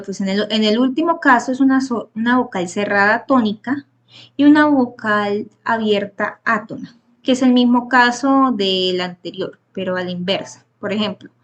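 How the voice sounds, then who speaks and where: A woman's voice: medium pitch, a bit bright, muffled recording. A woman presenting a grammar lesson as a student presenter, explaining step by step with some hesitant fillers and self-corrections.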